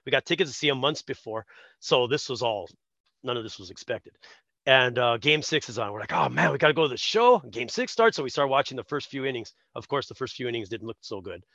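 A man's voice: mid-range voice, brisk, no echo, highs cut off. A man co-hosting a podcast, telling a story in casual chat and laughing often. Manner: animated, laughs often, acts out quotes. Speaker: podcast co-host.

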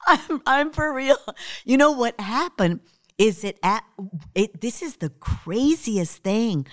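A woman's voice: on the high side, lively intonation, slow pace, no room sound, studio quality. A woman, telling the story of her life in an interview and laughing often.

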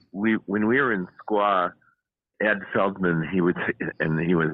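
Deep-voiced man telling stories. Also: no echo, muffled recording. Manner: animated anecdotes, many restarts. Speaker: film writer and producer, guest. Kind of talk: storytelling interview.

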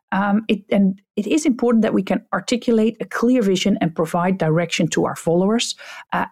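Her voice sits in the mid range with a slightly dark tone. She's a customer experience coach from the Netherlands whose first language is Dutch, and she speaks with a Dutch accent while hosting her solo podcast and offering leaders blunt, straightforward advice.

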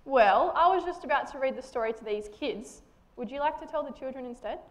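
Woman, patient, correcting, high voice, church kids' show. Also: a little fast. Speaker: puppeteer, storyteller with puppet. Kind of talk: children's church puppet show.

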